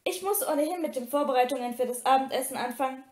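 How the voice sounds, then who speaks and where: A woman voicing an overeager stepmother with a squeaky, gushing manner. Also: fast talker, darkish tone, natural voice. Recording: roomy echo.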